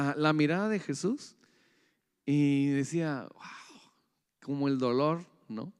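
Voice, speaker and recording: A man's voice: fairly high pitch, smooth. A pastor delivering a conversational sermon, often asking his congregation questions. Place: church hall. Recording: echoey church hall.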